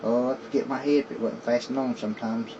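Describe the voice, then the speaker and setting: A man's voice: mid-range voice, steady tone, fast talker. A man with slurred, lisping speech, chatting casually in a repetitive, apologetic ramble like a town drunk. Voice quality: slurred, lisping speech from a missing front tooth. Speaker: host of a spirit box session. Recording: dull, noisy lo-fi room recording.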